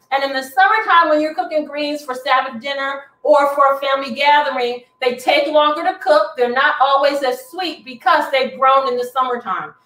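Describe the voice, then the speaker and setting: A far-off camera across a roomy home kitchen records a middle-aged woman hosting a live cooking show. She talks chattily and instructively while cooking, her high voice a touch bright.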